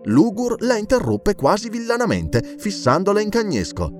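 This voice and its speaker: Male audiobook narrator, animated pitch, fairly high voice, faint music under. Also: moderate pace. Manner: expressive reading. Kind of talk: scripted narration.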